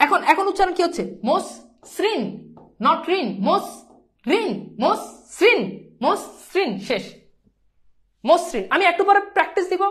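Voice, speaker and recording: A woman teaching a live online grammar lesson, quizzing her students and repeating each pronunciation several times. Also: high-pitched. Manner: sprinkles English words into speech.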